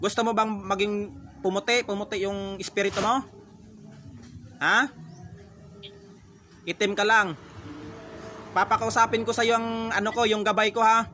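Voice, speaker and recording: A man's voice: high-pitched, little pitch movement, unhurried, pauses often, a little hiss or hum. A man, a folk healer, confronting a spirit in a ritual, pressing it with short, repeated demanding questions. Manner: forceful, repetitive questioning.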